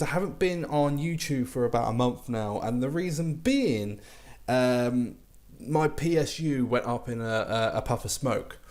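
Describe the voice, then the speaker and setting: A man's voice: medium pitch, darkish tone. A man, chatting casually to his viewers as a gaming host, recorded in a bare room at home that sounds echoey. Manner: rambling, lots of ums and restarts.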